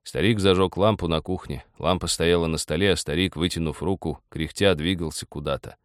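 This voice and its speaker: A man's voice: deep voice, fairly even intonation, fairly quick, no echo, clean studio sound. A man reading a literary short story aloud as an audiobook narrator. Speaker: audiobook reader.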